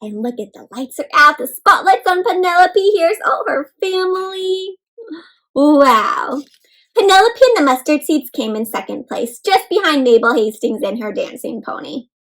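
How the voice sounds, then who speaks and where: The audio is poor as a woman with a high voice reads a children's storybook aloud at a moderate pace. This read-aloud host is expressive and interactive, gasping and asking the young listeners encouraging, simply worded questions.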